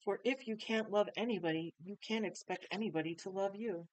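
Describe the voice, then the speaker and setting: A woman's voice: medium pitch, fairly quick, darkish tone, no room sound, lightly acted, poor audio. A woman voicing a frank, kind little girl who speaks her mind plainly, in a storybook reading. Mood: earnest. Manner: earnest, plain.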